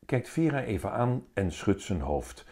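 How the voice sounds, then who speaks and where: A man reading a children's story aloud in an expressive, unhurried way. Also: on the low side, creaky.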